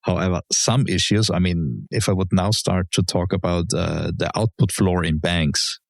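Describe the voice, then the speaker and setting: Appearing as a guest in a laid-back interview, a German-speaking legal professional gives measured explanations in a deep, gravelly voice. He halts often, hesitating with lots of fillers and restarts, and the recording is dry.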